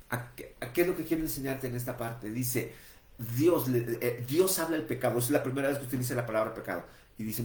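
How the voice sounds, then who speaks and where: A man preaching a sermon at a middle pitch, working through numbered points and rhetorical questions with frequent restarts. The room is echoey. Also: a little mellow. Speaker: pastor.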